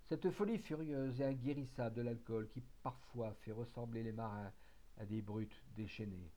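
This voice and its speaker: A man reading a classic short story aloud in a measured, expressive way. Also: medium pitch. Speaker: audiobook reader. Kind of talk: literary narration.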